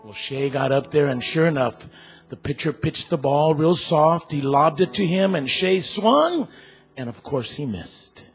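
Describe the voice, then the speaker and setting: Slow, deliberate male church storyteller. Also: fairly high pitch, expressive, soft background music.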